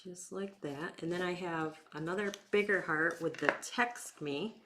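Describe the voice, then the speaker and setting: A woman leads a casual craft demonstration in a slightly low voice. She talks informally through each step as she works, taking her time. Faint noise sits in the background. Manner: informal, unhurried, talking while working with hands. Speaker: craft instructor and bingo night host.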